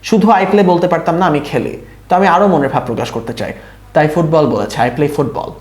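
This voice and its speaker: A man's voice: fairly high pitch, big pitch swings, fast talker, a little mellow, reverberant. A man teaching English grammar to learners, explaining step by step and asking questions he then answers himself. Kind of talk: spoken language lesson.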